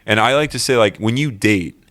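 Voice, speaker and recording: A man telling his own personal story in an earnest, animated way during an interview. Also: fairly low pitch, a little fast. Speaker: guest.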